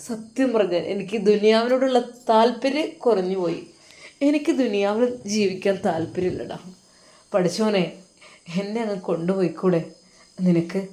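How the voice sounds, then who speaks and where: A woman with a Malabar Malayalam accent voicing a grieving young husband who speaks softly and tearfully. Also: normal speed, lightly acted. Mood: despairing. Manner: soft, tearful, low murmuring. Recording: roomy echo.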